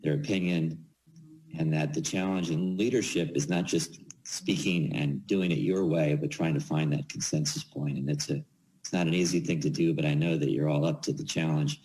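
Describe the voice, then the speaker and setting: Man, low voice, informal speech at a ceremony, halting, repeated words. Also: steady tone, mellow, low-quality recording. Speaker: official speaking at swearing-in ceremony.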